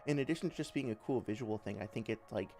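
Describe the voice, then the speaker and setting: Guy with a lowish voice streaming a game, chatty but analytical, bit of noise behind him. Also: fast, a little mellow. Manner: thoughtful, analytical asides. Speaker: game developer playing and commenting on a game. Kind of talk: casual livestream gameplay commentary. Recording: clear background noise.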